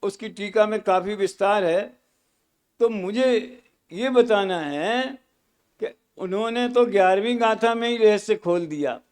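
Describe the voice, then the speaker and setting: A man's voice: high voice, unhurried, darkish tone, clear, resonant tone. A man teaching scripture at a study camp, explaining terms patiently with homely examples and repeating key words.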